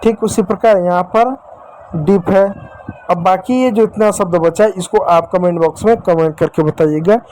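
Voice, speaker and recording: A man's voice: sits high, moderate pace, a little mellow, poor audio. A man teaching English spelling and phonics in Hindi, asking questions and answering them himself, repeating each step and calling his viewers dear children.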